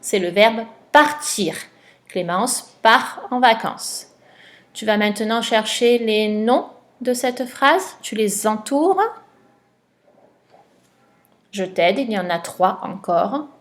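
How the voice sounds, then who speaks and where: Patient woman teacher, drawn-out words. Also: on the high side, animated. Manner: slow, patient, stretches out words for dictation. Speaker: primary school teacher. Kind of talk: recorded spelling lesson for a child at home.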